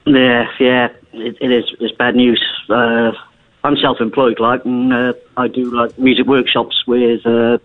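A man's voice: medium pitch, little pitch movement, unhurried. A man calling in to a radio show over the phone, talking casually and rambling with plenty of hesitant fillers. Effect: heard over a phone line. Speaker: caller. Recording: tinny narrow phone line.

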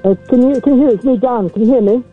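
A man's voice: very high voice, quick pace, breathy edge, faint music behind. A man calling a radio show over a faint, muffled phone line, asking hesitantly whether he can be heard. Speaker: caller.

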